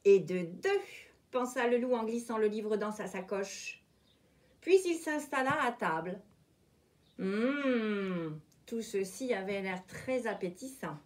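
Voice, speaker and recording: Woman, librarian, reading a children's story aloud, at home, expressive, slow, lively pitch.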